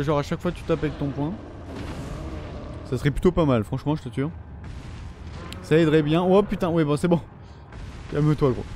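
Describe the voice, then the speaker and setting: A man's voice: on the high side, a little mellow, slight background noise. A young man giving let's play commentary, swearing and taunting the enemies as he plays. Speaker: gaming video host. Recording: faint game gunfire underneath.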